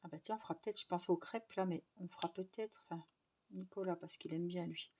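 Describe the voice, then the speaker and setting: A woman's voice: fairly low pitch, fairly even intonation, fairly quick, darkish tone, a little hiss or hum. A young woman chatting casually to her viewers, rambling with lots of fillers and restarts. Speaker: vlogger.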